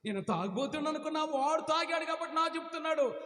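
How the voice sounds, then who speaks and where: A pastor preaching a fervent sermon, swinging between loud exhortation and hushed storytelling. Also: male voice, very high voice, animated, fast. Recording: echoey hall with music.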